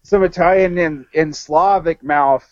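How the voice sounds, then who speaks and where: A man talking as a podcast guest in loose, casual conversation, often restarting and correcting himself mid-thought. His voice sits a little high for a man. The audio is dull and lo-fi with a dead-dry sound. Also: a little slow, no room sound. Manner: rambling, with many restarts and self-corrections. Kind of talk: casual film discussion.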